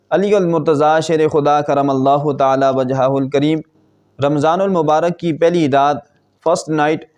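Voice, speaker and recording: A man preaching a religious sermon in an earnest, measured way, chanting verses slowly and melodiously at times. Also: fairly high pitch, darkish tone. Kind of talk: Islamic sermon with recited verses.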